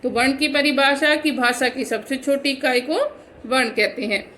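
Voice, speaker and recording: A woman's voice: sits high, measured pace, a bit bright, slight background noise, poor audio. A woman teaching a Hindi grammar lesson. She explains each point step by step, asks her pupils questions and then answers them herself, and calls them "beta.". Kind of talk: recorded online class lesson.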